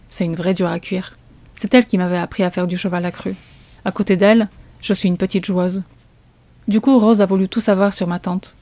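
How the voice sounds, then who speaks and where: A woman's voice: medium pitch, warm tone. Woman narrating. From Poland. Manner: storytelling, suspenseful. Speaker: comic author. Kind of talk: first-person narration.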